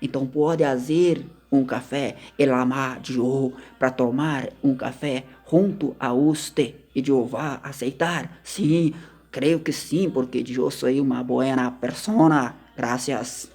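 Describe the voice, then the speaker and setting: A man from Argentina, teaching vocabulary in a slow, repetitive way and mixing in words. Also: medium pitch, fairly even intonation, a little mellow. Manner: slow, repetitive, mixes Spanish into Portuguese. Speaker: language teacher. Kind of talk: casual vocabulary lesson to camera.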